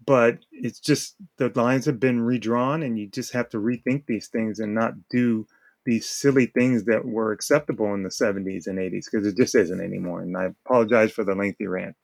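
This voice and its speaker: A man's voice: fairly low pitch, steady tone, normal speed, creaky. A man co-hosting a sports talk show, delivering an emphatic opinion rant with repeated words and short laughs. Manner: emphatic, repeats words while searching, laughs between points. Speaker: podcast co-host.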